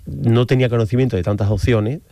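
This middle-aged man from Spain, a photographer being interviewed casually, has an Andalusian accent and a warm, medium-pitched voice with vocal fry, moving at a quick pace with no room sound. His talk is rambling and hesitant, packed with fillers and restarts.

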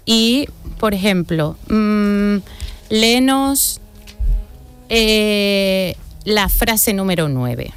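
A woman's voice: mid-range voice, expressive, extremely slow, clean tone, faint music behind. Woman, instructive speech therapist. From Andalusia, Spain. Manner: instructive, demonstrates sounds. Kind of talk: explanatory group conversation.

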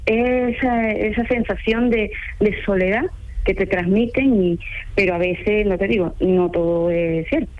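A woman's voice: medium pitch, unhurried. Woman, Ecuadorian accent, caller, chatty, earnest, dull lo-fi phone sound. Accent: Ecuadorian Spanish. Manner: talkative, earnest, laughs easily. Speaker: caller, home care assistant. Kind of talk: phone-in radio interview.

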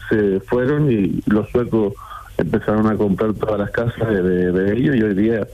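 A man in his sixties with an Argentine accent, a builder calling into a radio show, friendly and talkative with halting restarts. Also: on the low side, steady tone, highs cut off. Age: 60s. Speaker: caller, builder. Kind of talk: phone-in conversation.

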